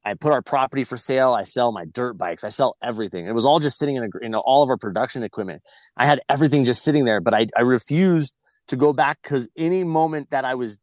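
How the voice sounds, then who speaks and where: A man's voice: medium pitch, fast talker, darkish tone, dry recording. A man telling a story as a podcast guest, blunt and heavily profane, rambling with frequent restarts. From United States. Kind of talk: casual storytelling.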